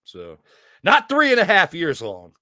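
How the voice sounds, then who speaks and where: A man hosts a relaxed football talk show, his voice sitting a touch high and swinging widely in pitch. He rambles, jokes and throws in quick asides. The sound is dry and close. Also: no echo. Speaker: podcast host. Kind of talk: casual sports chat.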